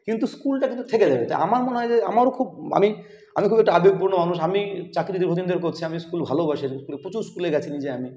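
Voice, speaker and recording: A man's voice: high-pitched, fast talker, warm tone. A man in his forties from West Bengal, interviewing in a rambling way, with many fillers. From West Bengal, India. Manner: rambling, repeats himself, frequent fillers. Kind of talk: conversational interview. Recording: roomy, slightly dull sound.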